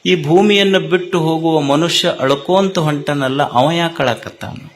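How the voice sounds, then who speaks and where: A man giving a sermon at a gathering, slow and repetitive, rising to emphatic calls. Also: on the high side. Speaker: spiritual speaker.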